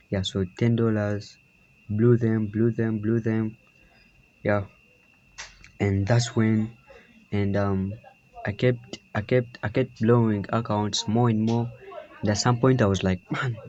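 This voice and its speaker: A young man from Uganda tells his own story in a low, even voice. He rambles, restarts his sentences, and fills pauses with "yeah." The recording sounds a little dull and lo-fi. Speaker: trading vlogger. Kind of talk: casual personal story. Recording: slightly dull lo-fi.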